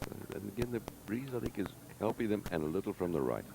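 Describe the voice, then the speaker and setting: A man giving live golf commentary in a measured, conversational, analytical way, with a gravelly voice. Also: lowish voice, expressive. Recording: very noisy outdoor broadcast sound.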